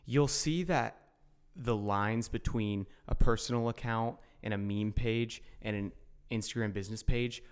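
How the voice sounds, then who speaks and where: A man's voice: on the low side, a little slow, smooth. A young man co-hosting a podcast in casual chat, easygoing and a bit offhand. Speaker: podcast co-host.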